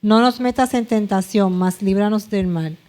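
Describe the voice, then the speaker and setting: A woman with a Puerto Rican accent reads a church study text aloud for her class. Her delivery is steady and careful. Her tone is dark and mellow, at an average pitch for a woman. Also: moderate pace. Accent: Puerto Rican Spanish. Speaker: class member reading aloud.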